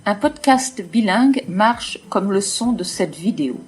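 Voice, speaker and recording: A woman with a French accent reading a bilingual French and English lesson slowly and plainly in a blunt, outspoken manner. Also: mid-range voice, animated, husky, faint music behind. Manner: slow, deliberate and outspoken. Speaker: podcaster teaching French. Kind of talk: scripted bilingual narration.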